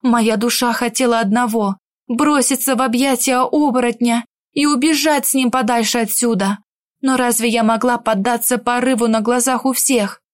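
A woman narrates a fantasy romance novel in the first person. Her voice sits somewhat high, and she reads with expressive, emotional shading. The delivery is scripted and steady. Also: moderate pace, no room sound. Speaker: audiobook narrator.

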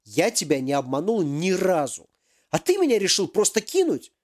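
A man's voice: sits high, huge pitch swings, normal speed, voice pushed up, exaggerated voice. A man voicing an irritated middle-aged male professor who talks bluntly and scolds. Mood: scolding.

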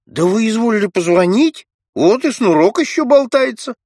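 A man's voice: sits high, lively intonation, moderate pace, darkish tone, no echo, studio quality, pitched above the performer's own voice. A man voicing a simple manservant who talks in a raised, rustic, flustered way in an audiobook. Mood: fussy. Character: simple male servant, frightened and fussy. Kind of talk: audiobook character voice.

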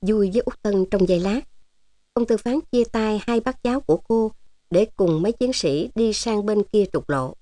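A woman narrating a serialized audiobook in a steady, measured way. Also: medium pitch, no echo. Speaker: storyteller.

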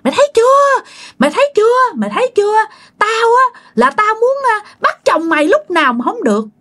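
A woman's voice: very high-pitched, sing-song, fairly quick, fairly bright tone, pitched above the performer's own voice, exaggerated voice. A woman voicing a vengeful, jealous old woman ghost possessing a man, taunting and menacing. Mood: gloating.

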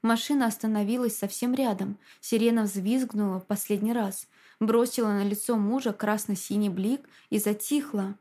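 Mellow-voiced woman narrating an audiobook. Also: medium pitch, steady tone, normal speed. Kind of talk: scripted narration.

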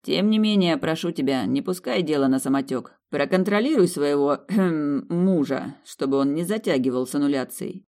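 A man's voice: a little high, moderate pace, few pauses, darkish tone, natural voice. A narrator voicing a young man, a hurt fiancé who teases with bitter irony but forgives. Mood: wry. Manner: mocking, wryly ironic.

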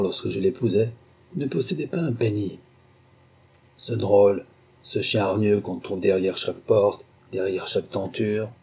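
A man's voice: fairly low pitch, dark tone, breathy edge. A man reading a short story aloud as narrator, with a dramatic, suspenseful delivery. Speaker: audiobook narrator.

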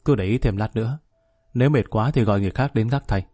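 A man voicing a police commander who gives brisk, curt orders. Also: lowish voice, mellow, breathy edge, faint music behind.

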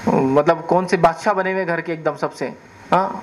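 High-voiced animated male preacher. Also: slight background noise. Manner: animated, questions the audience. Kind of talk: sermon.

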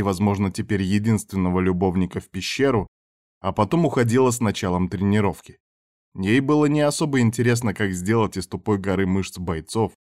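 A man narrating an audiobook chapter in a measured, even reading voice. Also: lowish voice, no echo, clean studio sound.

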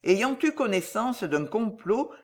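Expressive audiobook narrator. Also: medium pitch, slow. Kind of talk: scripted narration of a historical tale.

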